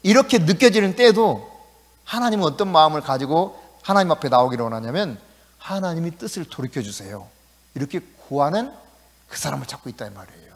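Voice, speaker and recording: A male pastor preaching a sermon in a lively, conversational way in a church. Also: fairly high pitch, fast talker. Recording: echoey church hall.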